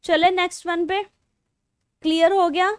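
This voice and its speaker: With a very high, flat voice at normal speed, this exam-prep English teacher spells words out letter by letter in an online class. She has an Indian accent and mixes Hindi into her English; the studio audio is clean and echo-free.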